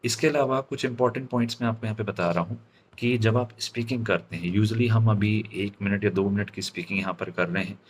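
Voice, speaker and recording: Lecturing on voice modulation, a public speaking coach with an Indian accent speaks in a fairly low voice. His phrasing is deliberate and halting, punctuated by frequent short tag questions, with faint noise behind him.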